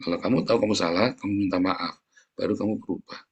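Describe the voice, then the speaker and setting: A middle-aged male preacher with a husky, slightly breathy voice. He talks to his congregation in a loose, conversational way and brings his stories to life by acting out the people he quotes. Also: sits low, quick pace, muffled recording. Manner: animated storytelling, acts out quoted voices, addresses congregation directly. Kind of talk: conversational sermon.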